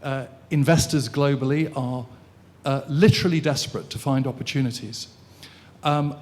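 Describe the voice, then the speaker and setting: A man's voice: mid-range voice, a little mellow. A man making a formal, filler-laden comment from the floor of a conference. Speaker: audience member commenting. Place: conference hall.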